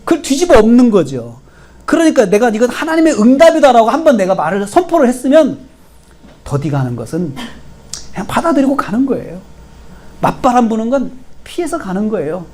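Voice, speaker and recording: A male pastor preaching an expository sermon, building to emphatic, stressed peaks and then dropping to soft near-whispers. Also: sits high.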